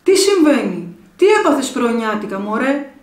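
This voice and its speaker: A woman voicing a grumpy, half-awake old village husband who scolds in a raised, gruff voice, in an echoey room. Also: a little high, big pitch swings. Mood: annoyed.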